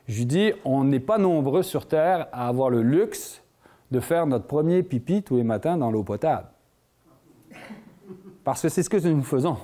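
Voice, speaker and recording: A man from France with a French accent, giving a conference lecture to a live audience. His voice is warm and mellow, at an ordinary middle pitch. He keeps the room engaged, throwing out questions and rising lively on the answers. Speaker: conference speaker.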